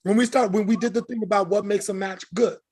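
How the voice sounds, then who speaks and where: A man's voice: high voice, fairly even intonation, fast, a little mellow, husky. A man co-hosting a podcast, ranting emphatically and with exasperation about wrestling storylines. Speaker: podcast co-host. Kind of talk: casual wrestling chat.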